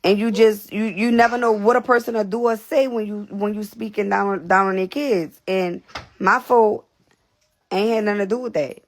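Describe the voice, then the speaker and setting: A young woman chatting straight to her livestream viewers, blunt and salty, circling back on the same words. Her voice has a gravelly fry underneath, and she is a little short of breath. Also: mid-range voice, steady tone, moderate pace. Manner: blunt, repetitive, profane. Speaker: livestream host. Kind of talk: casual livestream talk to viewers.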